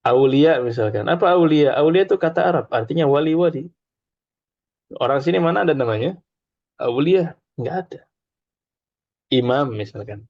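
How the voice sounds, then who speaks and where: In a dull, lo-fi, dry recording, a medium-pitched man leads an informal Arabic class. He chats easily, explains with examples, and has students repeat after him.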